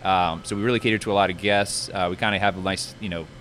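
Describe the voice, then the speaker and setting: A man with a fairly low, fairly bright voice talks quickly and chattily as a restaurant manager in a casual interview. He rambles along promotionally with fairly even intonation, recorded inside a restaurant with faint background noise.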